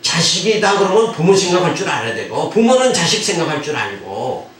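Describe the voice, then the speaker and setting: A man's voice: fairly high pitch, big pitch swings, a little fast, fairly bright tone, a little hiss or hum. A middle-aged man, a pastor, lecturing on the Bible in a conversational way and often posing rhetorical questions to the class. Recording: echoey room, far from the mic.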